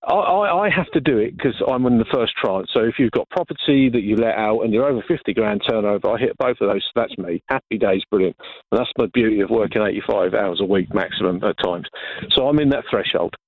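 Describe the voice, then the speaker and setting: A man's voice: fairly low pitch, fast talker, no echo. A middle-aged Englishman phones a radio show and rants with frustration. His voice comes through a thin, phone-like line. The sound is close and dry. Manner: passionate ranting, frustrated. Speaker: caller. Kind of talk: phone-in rant.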